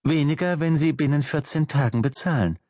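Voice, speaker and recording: A man reading an audiobook, voicing a cool, formal female traffic warden who answers flatly and politely. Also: fairly high pitch, a little fast, no room sound, studio quality, voice pushed up, natural voice.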